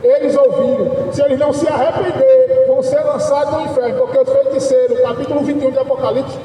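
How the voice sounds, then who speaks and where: A man preaches a fiery street sermon in a very high, mellow voice. He shouts his points and keeps checking in with a questioning "né?". The sound is distant and heavily echoey, with a long reverb and faint ambience behind him. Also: flat delivery, fast talker. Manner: shouting, insistent, repeats "né?".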